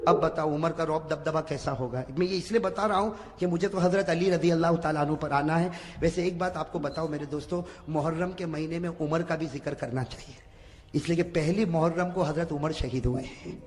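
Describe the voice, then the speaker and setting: A male preacher telling stories in a sermon, swinging dramatically between hushed asides and fervent shouts and asking the audience to repeat after him. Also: a little high. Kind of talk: sermon storytelling. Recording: reverberant hall.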